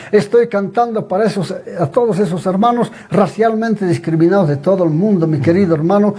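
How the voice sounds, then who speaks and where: An older man from Bolivia giving an emotional personal testimony as an interview guest, calling his listeners brothers, with a husky voice. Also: high-pitched, warm tone. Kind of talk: personal storytelling.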